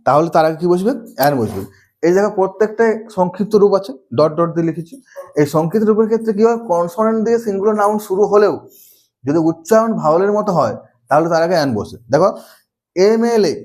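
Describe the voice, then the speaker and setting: A man's voice: high-pitched, darkish tone. A man teaching English grammar. He keeps asking his students questions, answers them himself and repeats the key rules. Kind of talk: classroom-style lesson.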